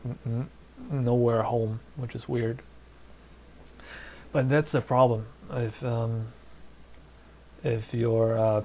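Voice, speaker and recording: This streamer from Germany, accented in both German and Polish, talks informally with his chat from a desk in his small home studio, filling his thinking-aloud with plenty of fillers. At a normal pitch his voice is mellow but gravelly and creaky. Audio quality is poor, and a faint hiss sits behind him.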